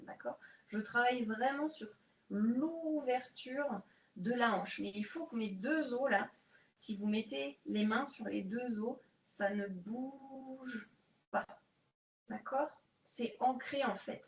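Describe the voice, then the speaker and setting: A woman leading a guided prenatal exercise class, calmly counting breaths and giving coaching cues. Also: fairly high pitch, takes it slowly, distant mic, a little hiss or hum. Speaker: prenatal fitness instructor. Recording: echoey room, voice off-mic.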